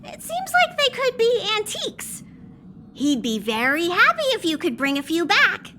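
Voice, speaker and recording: A woman voicing a tiny, chatty creature who conducts a train in a game and talks about itself in the third person, with a squeaky, sing-song voice. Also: huge pitch swings, normal speed, heavily acted. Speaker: game character. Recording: game audio with clear background noise.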